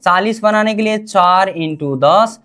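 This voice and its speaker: A woman's voice: mid-range voice, slow pace, a bit bright. A woman teaching a language class, drilling her students with repeated questions and call-and-response.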